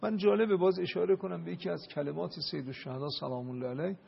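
A man giving an impassioned religious talk and prayer, building up to loud emphasis at times. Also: sits high, fairly even intonation, gravelly, slightly rough. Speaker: religious speaker. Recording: dull lo-fi radio broadcast.

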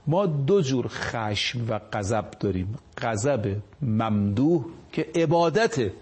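Male religious speaker on a TV show, mid-pitch, slow scripture readings, rhetorical questions to viewers. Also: lively intonation, darkish tone, breathy edge. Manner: reads Arabic scripture slowly, then paraphrases it. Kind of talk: televised religious talk.

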